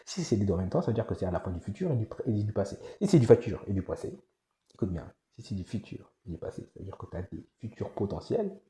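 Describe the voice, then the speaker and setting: A man's voice: lowish voice, big pitch swings, quick pace, mellow, roomy sound. A man giving a casual, rambling monologue to the viewer for an online course, often repeating himself and restarting phrases.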